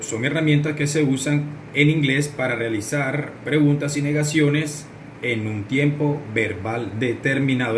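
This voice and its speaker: A man's voice: mid-range voice, slight background noise. A man, teaching a recorded English lesson and explaining directly to his students.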